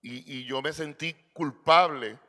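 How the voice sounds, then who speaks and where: A man's voice: a little high, measured pace, bright, forceful tone. A middle-aged man preaching a sermon in earnest, asking rhetorical questions and calling his listeners brother. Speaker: pastor.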